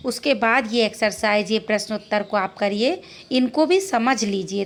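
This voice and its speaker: A woman's voice: on the high side, a little hiss or hum. A woman teacher explaining a school geography lesson, reading each question and answer and then repeating it in simple words.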